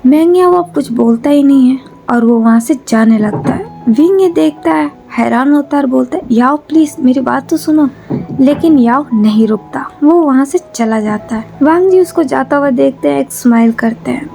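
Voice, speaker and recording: A woman narrating fan fiction in a steady, plain storytelling way. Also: sits high, normal speed, creaky, hardly any pauses, faint music behind.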